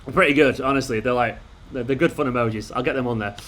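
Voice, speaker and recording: A man at a middle pitch, running a casual live stream from home near midnight. He talks in an excitable, jokey way, greeting viewers and firing back at their comments. Underneath the enthusiasm he sounds worn out. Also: fast. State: tired. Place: at home late at night.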